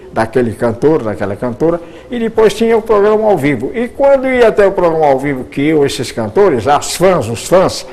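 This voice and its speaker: An older Brazilian man who works as a radio broadcaster answers interview questions at length in a slightly mellow voice pitched on the high side. He often repeats words while he searches for the right ones.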